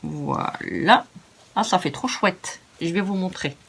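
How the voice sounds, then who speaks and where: A woman's voice: on the low side, takes it slowly, a bit bright, slight background noise. A French-speaking woman hosting a crafting tutorial, chatty and self-mocking as she narrates each step. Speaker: craft video host.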